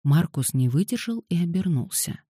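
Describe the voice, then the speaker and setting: A woman narrating an audiobook in an even, wry storytelling manner. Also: on the low side, moderate pace, slightly rough, dry recording, clean studio sound.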